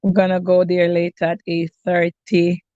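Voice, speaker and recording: Hosting her cooking channel's live stream, this middle-aged Jamaican woman chats casually with viewers, calling them by name. She speaks at a normal pace in a fairly low, monotone, dark voice that sounds stuffy and congested, frequently restarting sentences. There's no echo, and the sound is lo-fi.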